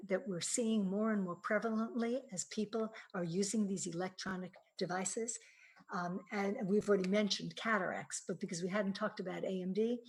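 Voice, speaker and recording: A woman's voice: medium pitch, poor audio. Earnest woman presenting health information. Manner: earnest, explanatory, with fillers and restarts. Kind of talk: presentation on eye supplements.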